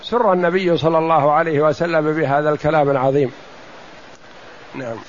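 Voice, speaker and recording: A man teaches from a religious text with a fairly high voice, slowing to repeat and stress key words. The recording sounds dull and lo-fi. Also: steady tone, slight background noise. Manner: explains slowly, repeats phrases and says "yes" to cue the reader. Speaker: sheikh explaining a text. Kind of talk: religious lesson commentary.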